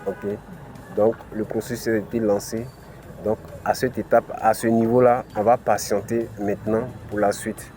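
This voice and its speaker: A man's voice: fairly low pitch, level tone, moderate pace, dark tone, faint music behind. A man with an African French accent walks viewers through a screen-recorded tutorial step by step, with lots of "ok" and "voilà". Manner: explains step by step, many "ok" and "voilà" fillers. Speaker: crypto channel host.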